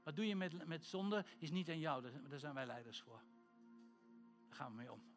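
A man preaching a sermon and praying, fervent and building to loud calls. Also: on the high side, lively intonation, normal speed, soft background music. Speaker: pastor. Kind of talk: sermon with prayer.

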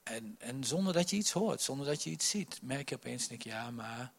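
A man preaching a sermon, telling Bible stories with many restarts, dropping to soft asides and rising to loud emphasis. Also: medium pitch, lively intonation, brisk, vocal fry, breathy edge.

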